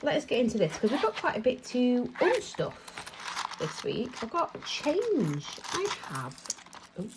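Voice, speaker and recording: A woman's voice: fairly high pitch, huge pitch swings, unhurried, noisy background. A young British woman chatting casually and rambling as she counts and sorts her cash. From United Kingdom. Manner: chatty, rambling, self-laughing. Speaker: vlogger.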